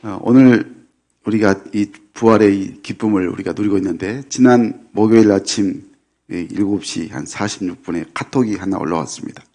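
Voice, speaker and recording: A middle-aged man preaching a Sunday sermon in a church. He talks at an easy, unhurried pace, drops in little affirming "yes" fillers, and keeps things light with gentle humor. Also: on the low side. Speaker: pastor. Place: church sanctuary.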